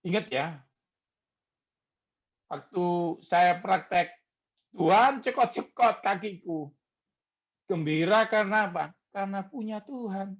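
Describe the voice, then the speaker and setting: A man's voice: high voice, slow pace, pauses often, muffled recording. A middle-aged man from Surabaya, preaching a chatty evening prayer sermon and drawing amens from the congregation. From Surabaya, Indonesia. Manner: lively, chatty, jokes with the congregation and calls for amen. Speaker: pastor.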